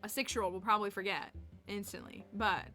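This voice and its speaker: A woman's voice: mid-range voice, fast. A woman giving casual live commentary as she streams a game. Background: soft game music.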